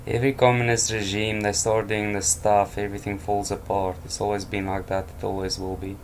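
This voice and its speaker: Reading the night's headlines from home, a tired news commentator yawns and chuckles through offhand comments in a casual style. His fairly low voice is delivered flatly and a little fast, over a slight hiss or hum.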